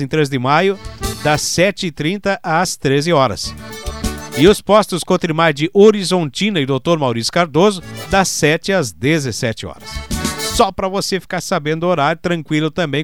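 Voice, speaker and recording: A man with a fairly high voice and a southern Brazilian accent hosts a regional radio bulletin over accordion music. He reads out announcements and promotions in a chatty way, turning to the listener with little tag questions. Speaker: radio host.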